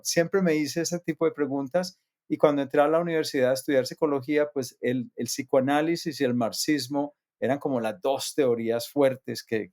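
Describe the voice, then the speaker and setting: This guest's voice is on the high side and a little mellow, with the Colombian accent of the region around Medellín. A psychotherapist and actor, he recounts his personal history reflectively, pausing often and restarting as he thinks.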